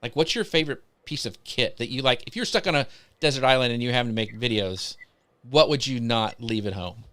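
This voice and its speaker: A man's voice: mid-range voice, brisk, a bit bright. A man hosting a live social media show, upbeat, greeting guests and reading out viewer comments. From United States.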